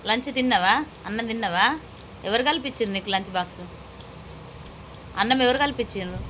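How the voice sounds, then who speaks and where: A woman's voice: fairly high pitch, a little fast, a little hiss or hum. A woman in her thirties with a Telangana Telugu accent, chatting with her children at home and narrating her cooking for a family vlog. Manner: coaxing, questioning children, then quiet cooking narration. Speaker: mother and vlog host. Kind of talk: casual family vlog chat. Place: home kitchen.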